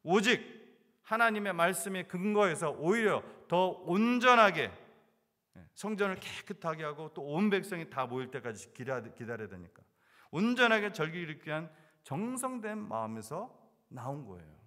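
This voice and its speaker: A man's voice: a little high, big pitch swings, moderate pace, a bit bright, big-room sound. A male pastor preaching a sermon, asking the congregation questions and repeating key words for emphasis. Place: church sanctuary.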